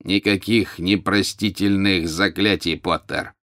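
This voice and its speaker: A man's voice: on the low side, normal speed, fairly bright tone, dry recording, studio quality. A man reading an audiobook voices a cold, contemptuous male wizard who sneers and barks orders. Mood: sneering. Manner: sneering, barking commands.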